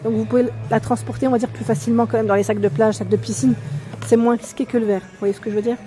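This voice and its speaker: A woman's voice: a little high, flat delivery, quick pace, warm tone. A woman with a French accent chatting casually as she walks a shop aisle, reading out labels and prices and asking viewers questions. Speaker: shopping haul vlogger. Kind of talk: casual store walkthrough. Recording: music playing behind.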